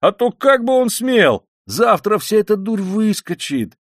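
A man reading an audiobook voices a drunk, excitable young man who shouts and blusters. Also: mid-range voice, moderate pace, no echo, studio quality, lightly acted. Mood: boisterous.

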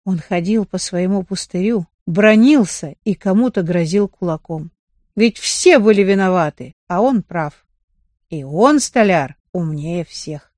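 A woman reads a children's story aloud in an expressive, animated way. Her pitch moves a lot as she tells it. The recording is close and dry, with no room sound. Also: measured pace, no room sound. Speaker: narrator.

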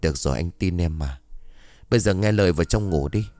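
A gruff, worried middle-aged father in a spoken ghost story, as a male narrator voices him. He speaks low and brusque, dropping his pitch well below the narration. The sound is dry and close. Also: brisk, warm tone, no echo, faint music behind, natural voice.

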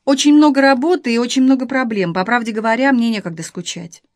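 A woman's voice: on the high side, fast, no room sound, natural voice. Woman reading as an irritated curt man.

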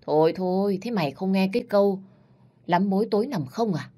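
A woman's voice: medium pitch, animated, brisk, dark tone, pitched above the performer's own voice, lightly acted. A woman voicing a fussy, doting old grandmother who teases and nags her granddaughter in an audiobook story. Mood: nagging. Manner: scolding, teasing, affectionate.

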